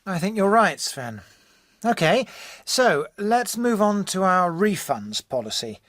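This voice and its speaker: A woman's voice: mid-range voice, big pitch swings, slow, no room sound, clean studio sound. A woman playing a businesslike, orderly meeting chair in a scripted language-course dialogue. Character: businesslike meeting chair running a staff discussion.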